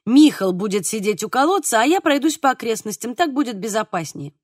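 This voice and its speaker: Woman doing a grave man, measured, sober, dry close sound. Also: fairly high pitch, very animated, no echo. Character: calm, grave middle-aged man.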